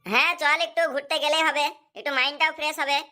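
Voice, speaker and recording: A woman's voice: sits high, fairly even intonation, fast talker, bright, forceful tone. A woman voicing an easygoing young male friend in a cartoon.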